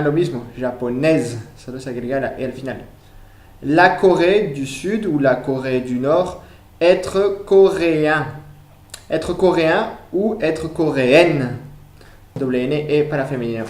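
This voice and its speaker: A man's voice: fairly high pitch, darkish tone, reverberant. A man from France with a French accent, teaching a French lesson to Spanish speakers and spelling out word endings. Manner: switches between French and Spanish, spells words out slowly. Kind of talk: language lesson.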